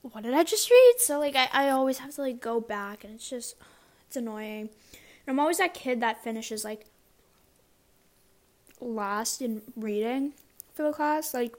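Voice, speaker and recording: A woman's voice: on the high side, measured pace, long pauses. A young woman student chatting casually to camera, rambling with lots of fillers and restarts. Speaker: student vlogger.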